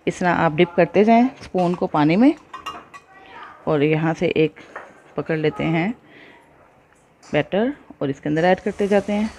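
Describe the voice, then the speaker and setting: Unhurried and pausing often, a woman with a lowish, slightly mellow voice guides viewers through a recipe in her home cooking video. She's friendly and patient, addresses the audience often and mixes in English. A little hiss or hum can be heard.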